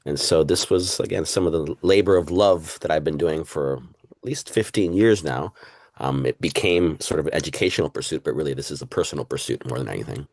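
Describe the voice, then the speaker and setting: A man's voice: a bass voice, a little fast, a little mellow, no echo, clean studio sound. A man from Puerto Rico talking as a guest historian in an interview, reflective, with many fillers and asides. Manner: reflective, uses fillers and "right?". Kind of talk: casual interview talk.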